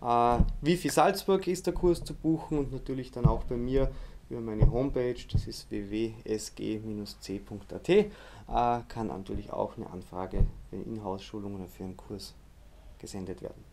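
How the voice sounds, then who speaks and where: A man's voice: fairly low pitch, moderate pace, vocal fry. Instructive man explaining. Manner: steady, instructive, many fillers. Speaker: face-reading trainer and guest. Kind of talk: explanatory interview talk.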